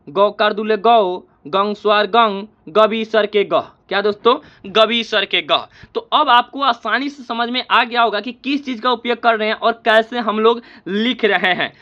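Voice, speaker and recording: A man's voice: sits high, muffled recording. A man teaching a lesson, explaining step by step, often asking his viewers a question and answering it himself. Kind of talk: spoken classroom lesson.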